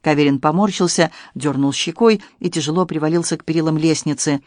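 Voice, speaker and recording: Measured audiobook narrator, dry close sound. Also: medium pitch, a little mellow, no room sound. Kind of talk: scripted narration.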